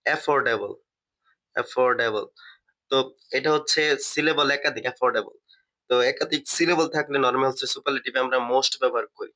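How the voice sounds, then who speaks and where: A man with a bright, forward voice, teaching a step-by-step lesson. He sits at a middle pitch, asks himself questions and answers them, and repeats the key words as he goes. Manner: explanatory, asks and answers his own questions; many fillers and restarts, repeats key words. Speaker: English teacher.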